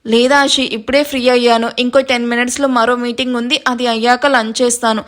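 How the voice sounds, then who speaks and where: A woman's voice: a little high, fairly quick, close to an everyday voice. A woman reading the lines of a caring, firm young husband reassuring his wife in a storybook. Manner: calm, reassuring.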